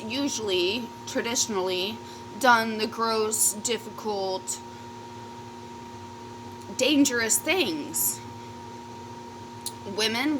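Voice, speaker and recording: A woman's voice: a little high, background noise. A woman vlogger chatting casually in a rambling, sweary storytime, often trailing off and interrupting herself. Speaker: YouTube vlogger. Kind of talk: casual rambling storytime chat while eating.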